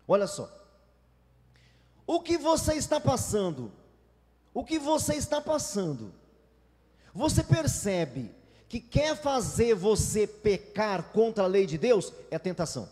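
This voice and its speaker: A man's voice: high-pitched, sing-song, a little slow, long pauses, dark tone, big-room sound. A Brazilian man preaching a sermon as a pastor, emphatic, sometimes acting out whiny complaining churchgoers. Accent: Brazilian Portuguese.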